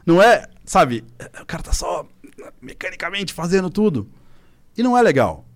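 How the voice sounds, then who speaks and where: A man in his thirties from Minas Gerais, Brazil, an esports coach, guests on a casual podcast in a studio. He tells stories animatedly, peppered with filler words, in a high-pitched voice at normal speed.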